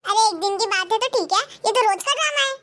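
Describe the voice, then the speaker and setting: A woman voicing a bitter, fed-up young wife in a cartoon story, complaining and scolding with quick retorts. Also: very high-pitched, animated, a bit bright. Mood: aggrieved. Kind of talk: animated cartoon voice acting.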